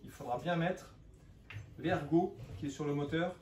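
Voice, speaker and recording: Here a man in his forties hosts a home DIY video, plainly laying out each step in casual narration. His voice is a little high and a little mellow, at a moderate pace. He's recorded indoors by the windows from a distant mic, so the room echoes and background noise comes through.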